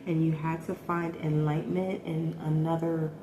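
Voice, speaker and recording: Woman, tarot reader, casual, hesitant, low voice, echoey room. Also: flat delivery, normal speed. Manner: hesitant, thinking aloud with many ums and likes. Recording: echoey room with faint noise.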